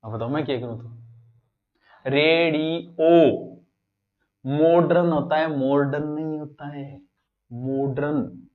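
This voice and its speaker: A man's voice: fairly high pitch, steady tone, slow pace, long pauses. A man with a Rajasthani accent teaching an exam-prep lesson, quizzing his students and moving between Hindi and local dialect. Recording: dull lo-fi recording.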